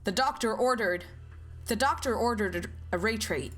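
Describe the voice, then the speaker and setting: A woman's voice: a little high, moderate pace, fairly bright tone, soft background music, lightly acted. A woman voicing a battlefield squad officer in a game story, giving clipped, urgent orders.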